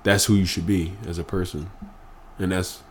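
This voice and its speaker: A man with a very low, deep voice talks earnestly as a podcast guest, hammering points home by repeating phrases. He is still emotional after crying. A faint hiss sits under the recording. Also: flat delivery, moderate pace. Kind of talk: emotional candid conversation.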